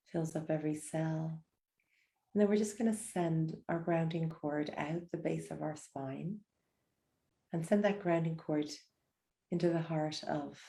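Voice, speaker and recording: Low mellow woman's voice with some fry, soft slow meditation guide talk. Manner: soft, slow and soothing, gentle invitations.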